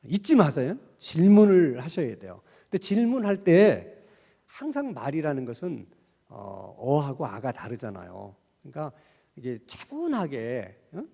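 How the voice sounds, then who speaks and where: A middle-aged man preaching a sermon at a Wednesday prayer meeting, speaking in a conversational way with rhetorical questions and gentle acted-out dialogue. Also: on the high side, wildly swooping pitch, measured pace, creaky. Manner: acts out gentle quoted dialogue. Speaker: pastor. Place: church sanctuary. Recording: long church hall reverb.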